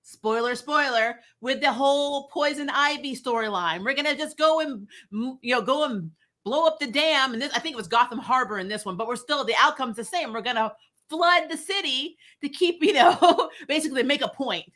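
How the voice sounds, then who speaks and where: A movie review show host with a high-sitting, pushed and bright voice chats at normal speed in a joking film review. She's sarcastic and blunt with salty language, giggling and laughing often as she talks.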